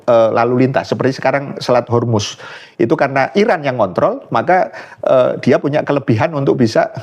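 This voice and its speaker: A man's voice: medium pitch, a little mellow. A man, a guest scholar giving political commentary in an interview, earnest and often searching for words with fillers and restarts. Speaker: guest speaker, Islamic scholar.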